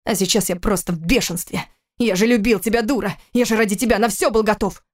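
Voicing an adult husband who is cold and furious, a woman performs an audiobook character reading with harsh, clipped contempt. She speaks at a quick pace in a mid-range voice, acting it lightly.

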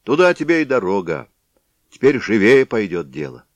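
A man's voice: lowish voice, big pitch swings, moderate pace, no echo, muffled recording. A man voicing a grumbling old village grandfather who digs for treasure, talking to himself in a storybook reading. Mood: pleased.

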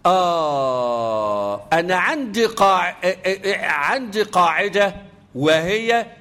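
A man's voice: sits high, animated, a little slow, pushed and bright. A man with an Egyptian accent teaching a class the rules of Quranic recitation. He keeps quizzing his students with repeated questions and chants the verses melodically. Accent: Egyptian Arabic.

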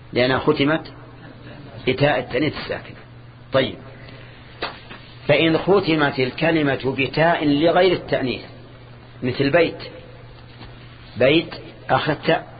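An older man gives a grammar lesson in a measured, repetitive way, stopping to quiz his students. His voice is pitched in the middle range. It comes through a dull, lo-fi old tape with a faint hiss underneath. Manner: measured, repeats key terms, quizzes students. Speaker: sheikh teaching Arabic grammar. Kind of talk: classroom lesson.

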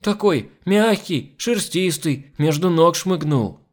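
A man's voice: on the high side, expressive, slow, pitched above the performer's own voice. A man reading an audiobook, voicing an old, pious, superstitious housemaid who whines. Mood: whining. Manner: whining, superstitious. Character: old frightened woman servant, pious and whining.

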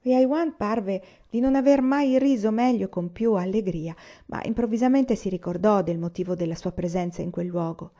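A woman narrates a novel in a calm, measured way. Her voice is mellow and soft-edged. The recording is slightly dull and lo-fi. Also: medium pitch. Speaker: reader. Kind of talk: audiobook narration.

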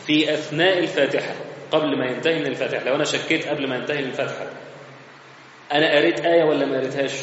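A man's voice: medium pitch, fairly bright tone, a little hiss or hum. A man with an Egyptian Arabic accent giving a religious lesson in a mosque, explaining step by step in a conversational way. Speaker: religious teacher. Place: large mosque hall. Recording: echoey mosque hall, slightly muffled.

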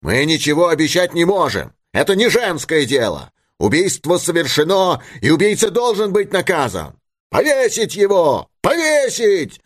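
A man voicing an angry man in a crowd, shouting with hostility. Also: a little high, huge pitch swings, normal speed, pitched above the performer's own voice.

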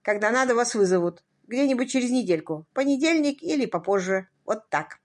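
A woman's voice: on the high side, animated, brisk, a little mellow, natural voice. A woman voicing a stern, officious male police constable in a read-aloud story.

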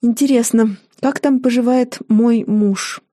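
Woman doing a proud young wife, sharp-tongued, slightly raised voice. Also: on the high side, fairly even intonation, a little slow, no room sound, clean studio sound, pitched above the performer's own voice. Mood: biting. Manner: biting, earnest.

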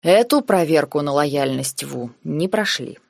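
A woman reading the lines of a cold, calculating noble uncle in an audiobook, measured and sarcastic. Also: low-pitched, expressive, vocal fry, no room sound, studio quality, full character voice. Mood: cold, lecturing. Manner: measured, lazy, coldly sarcastic.

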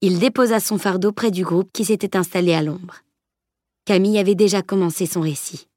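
A woman narrating a novel as an audiobook in an even, steady reading. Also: lowish voice, a little fast, no room sound, clean studio sound. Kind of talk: scripted narration.

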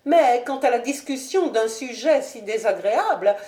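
A woman's voice: on the high side, lively intonation, moderate pace, voice pushed up, close to an everyday voice. Woman doing a haughty imperious noblewoman. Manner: sharp, commanding and disdainful. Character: haughty proud noblewoman, imperious lady of the house. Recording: roomy home recording.

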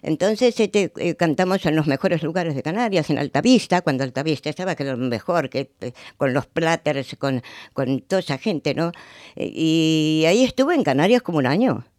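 Lively older Argentine woman, dry sound. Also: low-pitched, moderate pace, no echo. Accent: Argentine Spanish. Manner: animated, acts out quoted voices, keeps asking "comprendes". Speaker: singer, guest. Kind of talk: radio interview storytelling.

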